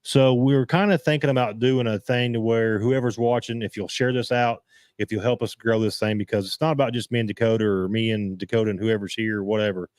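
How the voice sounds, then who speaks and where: A man hosts a casual live-stream chat in a fairly low voice. He rambles, stops and restarts his thoughts as he talks. The sound is dry and close. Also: steady tone, darkish tone, no room sound. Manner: rambling, halting, restarts sentences. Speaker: host.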